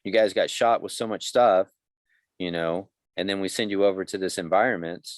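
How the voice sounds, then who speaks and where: Low-voiced man telling his story candidly. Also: brisk, no echo. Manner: candid storytelling, acts out quoted dialogue. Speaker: guest. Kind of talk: conversational podcast interview.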